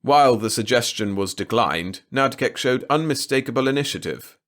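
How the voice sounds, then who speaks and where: A man doing a velvet-voiced smooth executive. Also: medium pitch, lively intonation, moderate pace, close to an everyday voice. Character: bland, ruthless, soft-spoken male executive.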